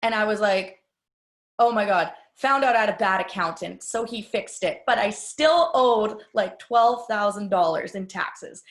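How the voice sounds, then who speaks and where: Chatty woman trainer in an echoey room. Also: a little high. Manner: chatty, confiding, tells personal stories; addresses the audience directly. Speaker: business trainer. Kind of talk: live training talk to an audience. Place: room with a live audience.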